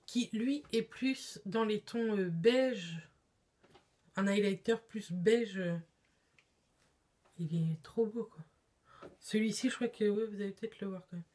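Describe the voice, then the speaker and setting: A woman's voice: mid-range voice, slow, pauses often, darkish tone. A woman chatting casually on camera in a beauty haul vlog, with lots of hesitations. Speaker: beauty vlogger.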